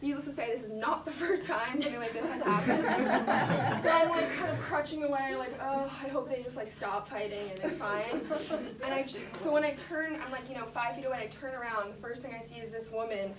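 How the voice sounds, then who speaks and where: A woman's voice: high-pitched, a little fast, hardly any pauses, over a noisy crowd. Young woman laughing through a story, echoey room. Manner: lots of fillers, frequent laughter. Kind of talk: casual anecdote. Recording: echoey room, distant mic, background noise.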